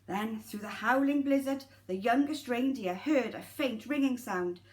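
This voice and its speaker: This nursery teacher's voice is on the high side and a little slow, with a little hiss or hum in the audio. She reads a children's story expressively and dramatically, breaking off to talk directly to the young listeners.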